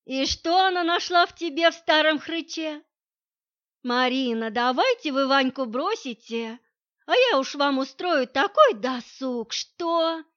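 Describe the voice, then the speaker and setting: A brash, mocking bald thug who flirts and teases, as a woman narrator puts him on for an audiobook. His lines come out smirking in a fairly high register. The sound is dull and lo-fi. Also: lively intonation, a little slow, fairly bright tone. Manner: smirking, teasing.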